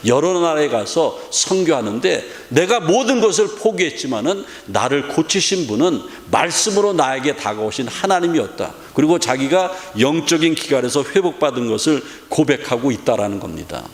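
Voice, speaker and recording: A man's voice: a little high, gravelly. A middle-aged man preaching a sermon as pastor, emphatic and full of rhetorical questions. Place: church sanctuary. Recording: echoey church hall with long reverb.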